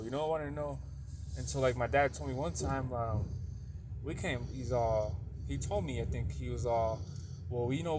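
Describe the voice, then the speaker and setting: A man's voice: mid-range voice, a little hiss or hum. A man giving a casual religious teaching to his video audience. He rambles, fills gaps with "you know", and repeats points for stress. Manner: rambling, heavy use of "you know" and a tag "though".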